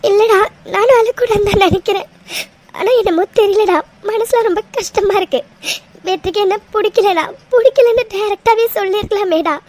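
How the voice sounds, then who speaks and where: A very high, squeaky voice belongs to a heartbroken young cartoon woman, tearful and full of self-blame, as a woman acts her out. She talks through sobs the whole time, her words wet with crying. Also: moderate pace, a little mellow. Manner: tearful, self-blaming, sobbing. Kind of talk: cartoon voice acting.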